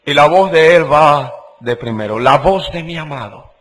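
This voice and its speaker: Male preacher, sermon, emphatic, high-pitched, bright, slow deliberate pace, loud exclamations and hushed asides. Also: lively intonation, low-quality recording. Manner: slow, deliberate delivery with repeated phrases.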